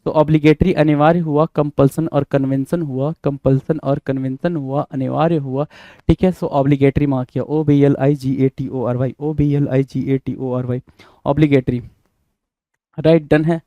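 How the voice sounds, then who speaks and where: A man's voice: mid-range voice, steady tone, moderate pace, dry recording, highs cut off. Indian man teaching vocabulary, spelling words aloud. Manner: repetitive, spells words letter by letter, quizzes listeners. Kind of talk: exam-prep vocabulary lesson.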